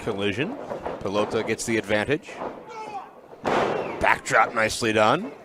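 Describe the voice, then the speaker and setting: A man's voice: on the low side, animated, unhurried. A man doing play-by-play as a lucha libre announcer, calling the wrestling moves in clipped phrases. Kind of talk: lucha libre match commentary. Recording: loud noise around the commentary.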